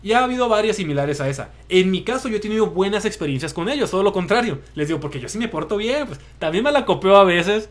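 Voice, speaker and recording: Casting: young northern Mexican male host, high-pitched, slangy and animated. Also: quick pace, hardly any pauses. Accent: northern Mexican Spanish. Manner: slangy, animated storytelling with acted-out quotes. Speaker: show host. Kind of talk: casual live commentary.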